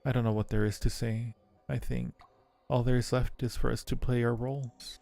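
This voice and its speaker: Playing a fatalistic, lovestruck undead cave acolyte from a horror game, a man dramatically reads the game's narration in a brooding, resigned, earnest way. His voice is gravelly, mellow, and natural, medium in pitch with a flat delivery at normal speed. Music sits behind the voice.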